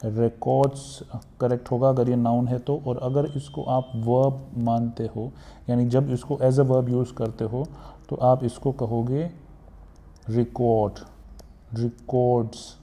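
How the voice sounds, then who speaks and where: An Indian man teaches English pronunciation in a slow, unhurried way. His voice is deep and mellow, very warm and dark, and he switches between Hindi and English. He repeats each word patiently for exam students. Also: flat delivery. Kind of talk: exam-prep pronunciation lesson.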